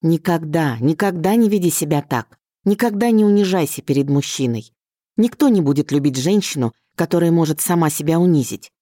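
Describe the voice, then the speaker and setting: A woman's voice: deep voice, lively intonation, fairly quick, dark tone, no echo, clean studio sound. A woman voicing an irritable middle-aged father who speaks curtly, grumbles and mocks. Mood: scornful. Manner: gruff, grumbling and sarcastic.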